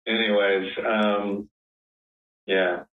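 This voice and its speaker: Caller: man, very low voice, unhurried, blunt and sarcastic, left on a thin phone voicemail that sounds far from the mic. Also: level tone, echoey room. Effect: voicemail over a phone line. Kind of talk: casual chat.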